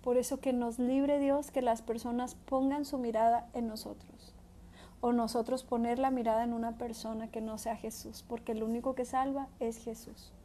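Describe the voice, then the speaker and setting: A woman hosting a devotional Bible reading, speaking earnestly and gently, often slowing down to repeat phrases and leading a spoken prayer. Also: on the high side, level tone, slight background noise. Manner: slows down and repeats phrases for emphasis. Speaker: Bible study host.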